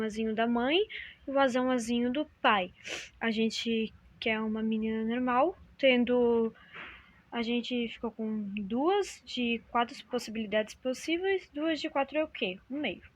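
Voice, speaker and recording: A woman's voice: a little high, moderate pace, no room sound. A teenage girl explaining a genetics exercise and thinking aloud as she writes. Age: late teens. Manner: thinks aloud while writing, hesitant. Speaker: student explaining a genetics problem. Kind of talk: improvised homework explanation.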